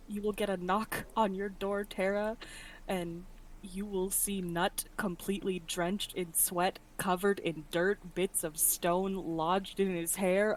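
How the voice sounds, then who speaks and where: A woman in a tabletop game, narrating her character's actions in a casual, joking way. Her voice sits mid-pitch, with faint background noise. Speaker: player.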